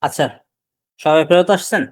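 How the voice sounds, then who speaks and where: A male teacher with a Bangladeshi Bengali accent gives a live grammar lecture. He keeps asking the class questions and repeats key terms slowly. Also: on the high side, fairly even intonation, dry recording, clean studio sound.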